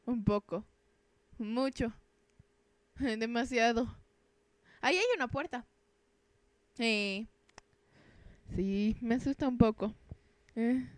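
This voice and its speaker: Woman gamer, high voice, unhurried self-mocking jokes, dry close sound. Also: no room sound. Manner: joking, rambling, self-mocking, crude. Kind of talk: casual gameplay commentary.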